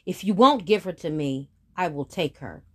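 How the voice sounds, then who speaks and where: A woman's voice: fairly low pitch, lively intonation, darkish tone, husky. A woman doing a menacing giant bull buffalo. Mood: demanding. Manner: slow, threatening.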